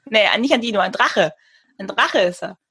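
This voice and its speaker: A woman's voice: mid-range voice, expressive, moderate pace, pushed and bright, slightly rough. A woman co-hosting, chatting casually and correcting herself as she talks. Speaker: podcast co-host. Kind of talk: casual chat.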